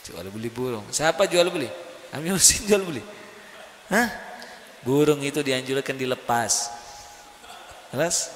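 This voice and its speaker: A man preaching at a religious study gathering, animated and often asking the audience questions. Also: mid-range voice, unhurried, pauses often. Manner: animated, asks the crowd questions. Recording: echoey hall with faint noise.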